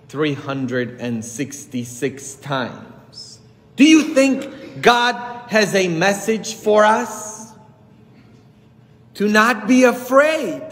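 A man in his thirties, a priest giving a sermon on a headset mic, preaching emphatically with big swings in pitch and loudness. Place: church sanctuary with long reverb. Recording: hall reverb from church.

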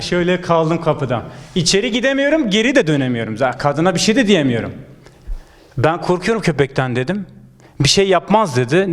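A young man, a guest on a talk show, telling a funny personal story in a casual way and acting out the lines he quotes. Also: on the high side. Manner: animated, acts out quoted dialogue.

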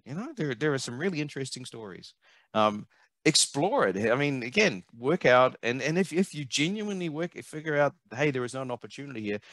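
A middle-aged New Zealand marketing consultant is interviewed conversationally over a video call from his home office, using a headset mic. He is animated and emphatic, often repeating words while thinking. His pitch is medium and there is no echo.

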